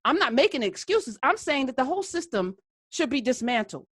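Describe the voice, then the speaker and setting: A woman's voice: high-pitched, big pitch swings, a little fast, a bit bright, dry recording, studio quality. An American woman hosting a call-in debate, speaking conversationally in an assertive, challenging way with emphatic repetitions. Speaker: call-in show host.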